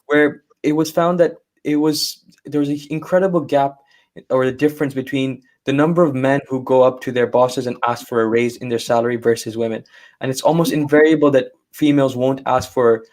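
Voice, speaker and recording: A man's voice: medium pitch, steady tone, fairly quick, darkish tone. A man hosting a podcast, affirming his guest and talking through repeated restarts. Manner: affirming, rambling restarts, fillers like "like" and "you know". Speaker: podcast host. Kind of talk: conversational interview.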